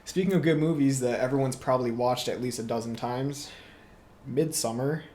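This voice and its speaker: A man co-hosting a podcast, chatting casually about movies, relaxed and quick to laugh. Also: medium pitch, a little hiss or hum. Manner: relaxed, laughs often, lots of fillers. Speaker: podcast co-host. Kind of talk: casual movie review chat.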